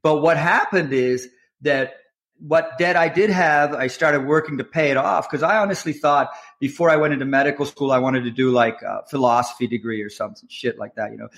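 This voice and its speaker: This Nova Scotian guest, from Canada, left medicine for filmmaking and recounts his story loosely and frankly in a casual interview, laughing often. His voice is medium-pitched and a bit bright, moving at a moderate pace.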